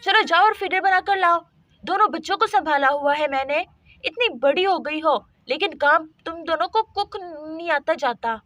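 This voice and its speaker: A woman's voice: very high voice, normal speed, sharp tone, dry recording. A woman voicing a stern mother who scolds and threatens her two daughters in a doll story. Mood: scolding.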